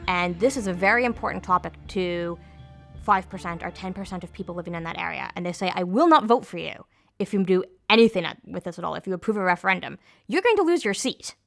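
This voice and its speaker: A woman explaining politics in an interview, measured, with frequent ums and self-corrections. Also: lowish voice, animated, vocal fry, faint music behind.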